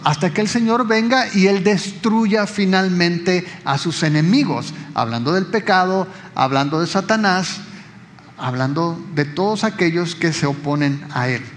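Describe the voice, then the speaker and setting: A man's voice: high voice, a bit bright, in a large hall. A man preaching a sermon as pastor, explaining conversationally and speaking directly to the congregation.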